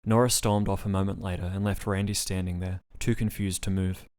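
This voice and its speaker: Deep-voiced man reading a story. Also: level tone, a little fast, darkish tone, smooth. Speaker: narrator. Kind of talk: audiobook-style story reading.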